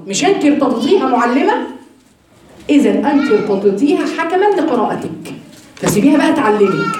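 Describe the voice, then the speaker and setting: A woman with an Egyptian accent giving a religious lesson to women, animated and full of rhetorical questions to her listeners. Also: high voice. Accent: Egyptian Arabic. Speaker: religious teacher. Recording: very echoey room from far off mic.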